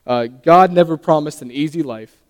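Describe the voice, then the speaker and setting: A young man giving his first sermon as a lay preacher, earnest and halting, often stumbling and restarting his sentences. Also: a little high, a little mellow. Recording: long reverb of a hall.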